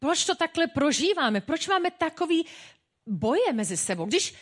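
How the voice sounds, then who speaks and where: A woman's voice: sits high, sing-song. A woman pastor giving a sermon in a personal, humorous, conversational way.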